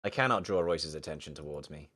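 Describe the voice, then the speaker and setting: A man's voice: rumbling low, quick pace, sharp tone. A man reading a visual novel aloud in first person, breaking off for swearing, laughing asides.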